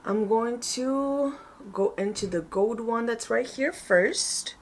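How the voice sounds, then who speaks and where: A woman's voice: a little high, slow. A woman talking informally through a get-ready-with-me makeup tutorial, thinking aloud as she goes. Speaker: makeup vlogger.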